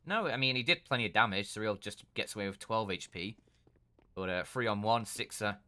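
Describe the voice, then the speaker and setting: A man's voice: on the low side, brisk, sharp tone. A man doing live commentary on a competitive shooter match, joking and bantering with his co-caster. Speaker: esports commentator.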